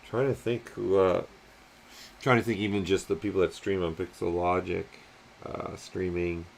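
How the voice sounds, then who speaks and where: A man's voice: sits low, steady tone, normal speed, creaky, a little hiss or hum. A man streaming his 3D sculpting work, muttering half-finished thoughts aloud as he works and answers chat.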